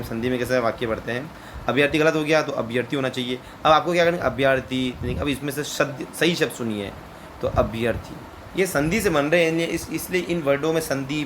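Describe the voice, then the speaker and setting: Male teacher, mid-pitch, drills words by slow repetition, faint hum behind. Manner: slow repetitive drilling, each word said twice. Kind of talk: exam-prep spelling lesson.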